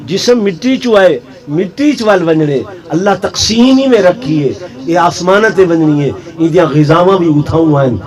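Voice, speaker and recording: High-voiced man preaching a village sermon. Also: lively intonation. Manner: rhetorical questions and repeated addresses to the audience. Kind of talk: Saraiki-Urdu sermon to a village gathering. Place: outdoor village gathering.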